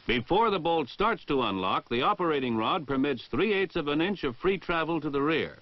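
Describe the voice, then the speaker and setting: The narrator is an American man with a fairly high, animated voice, reading formal instructions with precise, measured enunciation in the style of a 1960 military training film. There is no room sound, and the audio is a dull 1960 film soundtrack.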